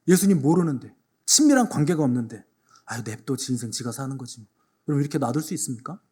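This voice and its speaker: A man's voice: a little high, a little mellow. Emphatic male pastor preaching. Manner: emphatic, repeats key phrases, tells jokes in dialect. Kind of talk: Sunday sermon. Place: church before a congregation.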